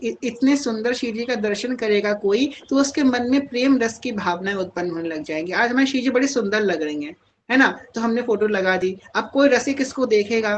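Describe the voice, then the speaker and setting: A woman guiding devotees in a live question-and-answer talk, speaking gently and patiently. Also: on the high side, slight background noise, rough recording. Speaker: spiritual guide answering devotees.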